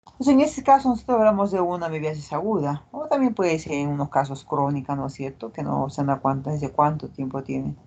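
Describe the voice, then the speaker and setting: Husky low-voiced woman lecturing. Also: fairly quick, a little mellow, muffled recording. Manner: explanatory, frequent tag questions. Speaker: parasitology lecturer and doctor. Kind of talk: recorded class lecture.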